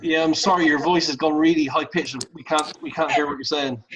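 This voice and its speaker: A man hosting a casual group video call, speaking in a halting way and repeating words as he thinks aloud. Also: a little high, steady tone, noisy background. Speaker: host. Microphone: video call mic. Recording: dull lo-fi video call audio.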